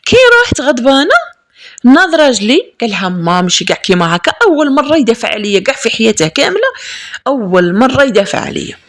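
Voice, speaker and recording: A young woman with an Algerian accent, telling a personal story in a lively, emphatic way and repeating words for stress. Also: a little high, quick pace. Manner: lively and emphatic, with frequent repetitions. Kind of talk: casual spoken storytelling.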